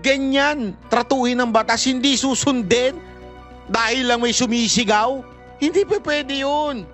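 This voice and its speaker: A man from the Philippines vlogs in a loose, chatty commentary, switching between Tagalog and English. His voice sits high and sounds bright and forward. He laughs often as he tells his story, and faint music plays behind him. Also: measured pace. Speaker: vlogger.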